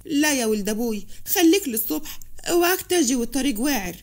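A gruff, commanding Upper Egyptian family head, middle-aged and short-tempered, as a woman storyteller puts him on. The voice stays high and quick in this audio story. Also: expressive. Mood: stern.

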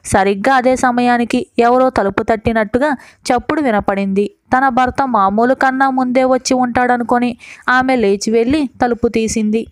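A woman narrating a folk tale as a storyteller, reading in a smooth, clear voice and voicing the characters' lines within the narration. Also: on the high side, fairly even intonation, normal speed, no room sound.

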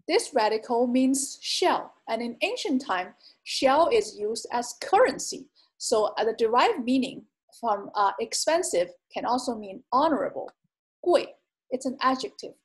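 Slow, patient woman teaching words. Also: on the high side, big pitch swings. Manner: patient, repeats each word twice with careful tones. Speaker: Chinese language teacher. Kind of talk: slow explanatory lesson narration.

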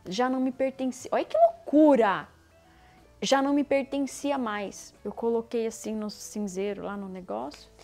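A woman with a Brazilian accent recounts a life-changing moment as a personal testimony. Her voice sits a little high. She talks casually and slangily, acts out what she said back then, and often sinks to a near-hush. Soft music plays faintly underneath. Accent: Brazilian Portuguese. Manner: casual, slangy, re-enacts her own dialogue, often drops to a hushed voice. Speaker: person giving a faith testimony.

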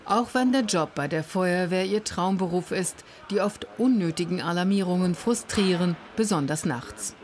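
Low-voiced woman narrating a report. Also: expressive, normal speed, hardly any pauses, darkish tone, slight background noise. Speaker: documentary narrator. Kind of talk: scripted narration.

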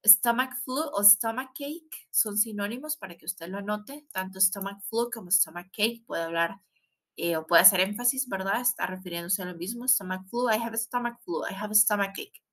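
Bright-voiced woman teaching English. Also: mid-range voice. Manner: explains in Spanish, models English words slowly, adds tag questions. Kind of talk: recorded online language lesson.

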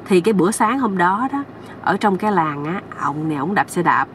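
A woman's voice: on the low side, expressive, a little fast, recorded from a distance, a little hiss or hum. A woman with a Southern Vietnamese accent hosting her channel, telling a folksy comic story to viewers. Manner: chatty, folksy, addressing viewers.

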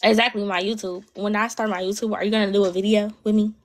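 A young woman chats on a livestream, playful and teasing. Her voice sits at an ordinary mid pitch for a woman. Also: fairly even intonation. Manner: playful, teasing, quick to laugh. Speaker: TikTok live co-host. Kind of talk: casual chat.

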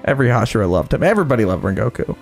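A man co-hosting a reaction video, chatting casually and bursting into animated exclamations. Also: medium pitch, racing, faint music behind. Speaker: co-host of a reaction channel.

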